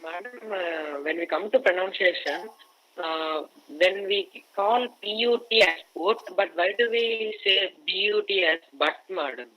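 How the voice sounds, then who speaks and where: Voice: mid-range voice, a little slow, sharp tone, rough recording. A student from India with an Indian English accent, politely and hesitantly asking a question on a video call.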